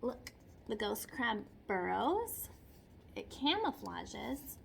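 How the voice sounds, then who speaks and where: A woman teacher reads a picture book aloud to children expressively, adding simple chatty explanations, repetition and questions. Her fairly high voice swings widely in pitch and is very slow and creaky, with a little hiss or hum.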